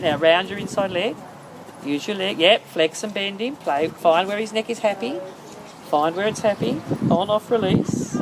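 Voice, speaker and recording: A woman working as a horse-riding instructor, calling out short, insistent, repeated coaching commands in an outdoor arena. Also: mid-range voice. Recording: outdoor noise over camera microphone. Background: outdoor ambient noise.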